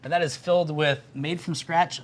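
Ein Mann mittleren Alters mit leicht hoher Stimme führt entspannt durch seine Bäckerei. Er erklärt seine Backwaren im lockeren Plauderton, mit einigen Füllwörtern. Aufgenommen drinnen im Laden mit einem Ansteckmikrofon. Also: male voice, a little high, normal speed, a little hiss or hum. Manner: relaxed, explains products with fillers. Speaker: bakery owner. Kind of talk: casual shop tour chat. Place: indoors in a bakery shop.

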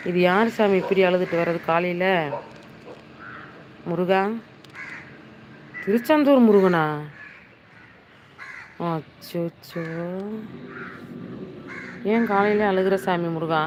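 A woman's voice: on the low side, slow, pauses often, noisy background. A middle-aged woman hosting a casual live stream, chatty and teasing, full of exclamations as she reads viewers' comments into her phone. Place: hill town in the Nilgiris.

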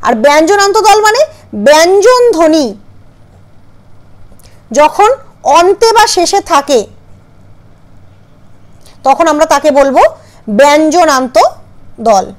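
A woman with a high voice gives a patient grammar lesson to her students. She asks them questions and sounds out each syllable slowly and clearly. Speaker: teacher.

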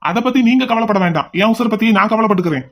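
A man voicing a headstrong, protective young man in a cartoon drama, speaking forcefully and insistently. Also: high-pitched, lively intonation, rapid-fire. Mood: defiant.

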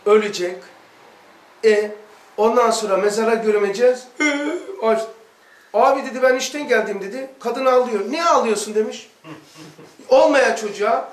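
Male religious teacher, high voice, animated storyteller, recorded from a distance in an echoey room. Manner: animated, acts out dialogue in quotes. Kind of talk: lively storytelling lesson.

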